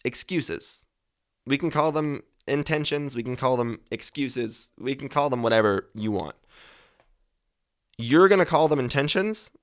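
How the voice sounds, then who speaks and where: A man's voice: medium pitch, lively intonation, measured pace, smooth. A man in his twenties hosting a podcast, giving advice in a casual, rambling monologue, swearing freely and correcting himself as he goes. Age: 20s. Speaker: podcast host.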